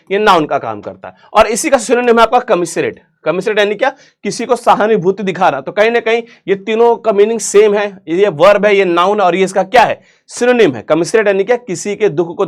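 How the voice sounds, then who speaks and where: A man's voice: high voice, animated, brisk. A man teaching vocabulary for an exam in a chatty, joking way, asking questions and answering them himself, with English words in an Indian accent. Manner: chatty, jokey, asks and answers his own questions. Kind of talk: online exam-prep vocabulary lesson.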